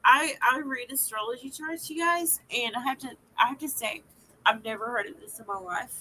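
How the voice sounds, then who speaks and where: A woman in her forties on a group call, animated and blunt, who swears and keeps saying she has to say something. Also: high-pitched, moderate pace, crowd noise, rough recording. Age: 40s. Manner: animated, blunt, swears, says "I have to say" repeatedly. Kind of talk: casual group chat.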